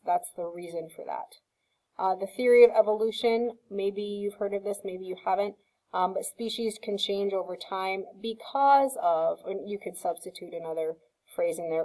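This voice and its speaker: A woman's voice: mid-range voice, mellow, rough recording. A woman teacher giving a recorded screen-share science lesson, explaining patiently with frequent ums and checks of "okay?".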